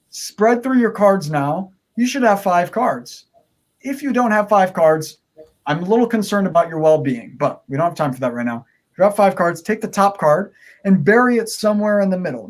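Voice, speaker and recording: A performer with playful kids-party magician patter, giving repeated step-by-step instructions to an online audience in an encouraging way. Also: medium pitch. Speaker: magician leading a card trick.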